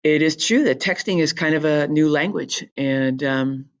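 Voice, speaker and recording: A woman teacher talking through a recorded lesson for her students in a chatty, jokey way, explaining with quick asides. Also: sits low.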